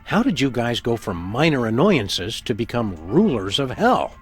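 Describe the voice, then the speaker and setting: A man's voice: mid-range voice, very animated, moderate pace, close to an everyday voice. A man playing an easygoing, earnest, folksy dog detective in a video game. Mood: questioning. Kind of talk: video game character acting. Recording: music behind the voice.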